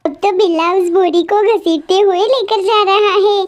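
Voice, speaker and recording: A narrator giving an excited play-by-play of a cartoon, exclaiming in surprise and talking to the characters on screen. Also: very high-pitched, moderate pace.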